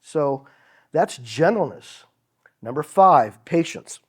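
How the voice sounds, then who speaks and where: A man's voice: fairly high pitch, lively intonation, slow, breathy edge. A middle-aged man preaching a conversational sermon, chuckling as he acts out example phrases.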